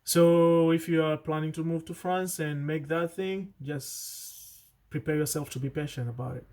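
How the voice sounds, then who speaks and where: Earnest and chatty, a young male vlogger advises viewers directly, often restarting and throwing in asides. He speaks at normal speed in a steady, darkish, somewhat high voice.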